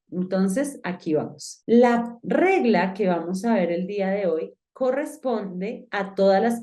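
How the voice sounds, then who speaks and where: A woman walks learners through English pronunciation in a recorded lesson. Her voice sits at a middle pitch and swings up and down as she stresses each point. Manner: patient, step-by-step explaining with lively swings in pitch.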